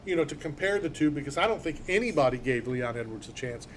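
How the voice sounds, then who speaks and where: A man's voice: a little high, animated, quick pace, a little hiss or hum. A man hosting a sports talk show, talking in an opinionated, emphatic and rambling way. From born in Philadelphia. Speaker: sports radio host.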